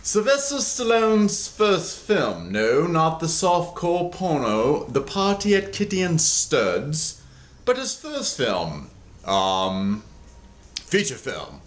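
A Kansas man in his forties reads his own memoir into a close webcam in a small room at home. His high voice leaps through huge pitch swings at a slow, unhurried pace. The reading is dramatic, with sardonic, theatrical bite and loud outbursts for emphasis.

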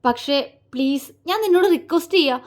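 A woman's voice: sits high, animated, brisk. A woman doing a stammering, tearful young man. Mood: shaken, tearful. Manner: stammering, trembling and sobbing. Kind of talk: audio story character voice.

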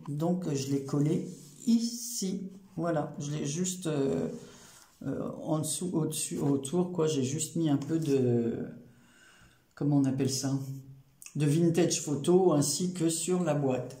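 A man's voice: a little high, mellow. A man casually showing a handmade photo album, hesitant, with many fillers and restarts. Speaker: crafting channel host. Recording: roomy echo with faint noise.

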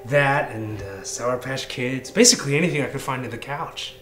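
A woman's voice: extremely low pitch, normal speed, music in the background. A woman playing an unhinged, boastful drunken roommate with a slurred, swaggering delivery in a comedy drama. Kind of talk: comedic web-series acting.

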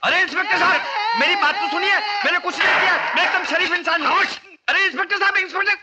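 Brief: a flustered, pleading man, high-pitched, over loud film noise. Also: lively intonation, moderate pace. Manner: eager, then frantic pleading. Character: flustered man caught out, protesting innocence. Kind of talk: Hindi film acting. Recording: loud noisy film audio.

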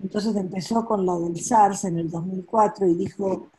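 An older woman from Argentina talks thoughtfully over a laptop webcam from a home office. Her voice is mellow and breathy, and she pauses often to gather her thoughts. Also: mid-range voice, steady tone, rough recording. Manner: thoughtful, reflective, with frequent pauses and fillers. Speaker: coaching expert guest. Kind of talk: webinar conversation. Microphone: laptop webcam on a video call.

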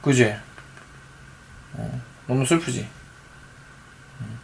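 A man's voice: medium pitch, fairly even intonation, very slow, creaky, slight background noise. A father reading a picture book aloud to his young child, patiently asking her questions as he reads.

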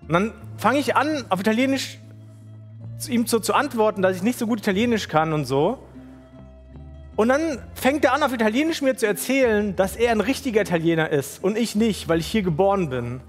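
High-voiced man telling a story. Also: a little fast, soft background music. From Germany. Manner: slangy and animated, acts out quotes. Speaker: streamer. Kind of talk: casual storytelling.

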